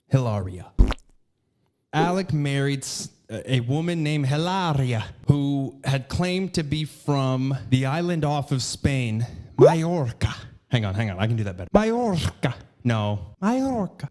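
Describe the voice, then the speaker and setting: Animated crude-talking podcast man. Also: mid-range voice. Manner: crude, animated, rambling asides. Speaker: podcast host. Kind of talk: comedic ranting commentary.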